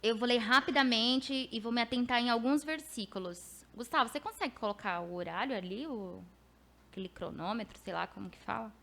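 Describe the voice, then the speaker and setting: A woman preaches a testimony from the pulpit, her voice sitting a little higher than most. She tells the story earnestly and with animation, acting out the conversations she describes. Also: a little fast, vocal fry, fairly bright tone. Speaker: preacher giving a testimony at a church service. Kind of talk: testimony sermon.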